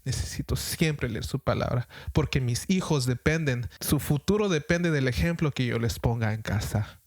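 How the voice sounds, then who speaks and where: Man, middle-aged, pastor, earnest exhortation, mid-pitched voice, dry close sound. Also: moderate pace, darkish tone, no room sound. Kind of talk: podcast sermon.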